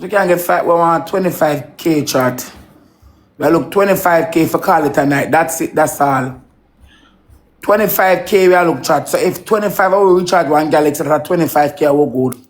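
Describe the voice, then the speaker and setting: A Jamaican woman in her thirties hosting a live stream, coaxing her chat with repeated call-outs in patois. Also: low voice. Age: 30s.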